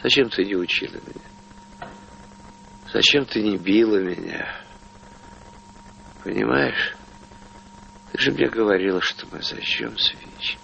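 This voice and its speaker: An actor playing an aging, gray-haired, embittered playwright on stage, swinging between broken whispers and furious shouts. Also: male voice, on the low side, a little slow, creaky, pauses often, highs cut off, a little hiss or hum, exaggerated voice. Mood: grieving, whispering. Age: older. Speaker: lead actor in a stage play. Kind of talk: theatrical stage acting.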